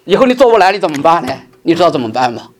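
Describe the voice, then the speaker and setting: A middle-aged male pastor preaching a sermon, swinging between loud emphasis and soft, hushed asides. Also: a little high, sing-song, very fast.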